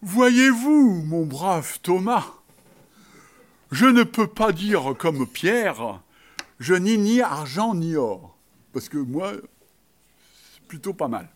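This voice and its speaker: A man's voice: sits high, sing-song, slow pace, pauses often, heavily acted. Smug boastful old pope, self-satisfied, as a male preacher quotes him. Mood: proud. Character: proud, boastful medieval pope, older man.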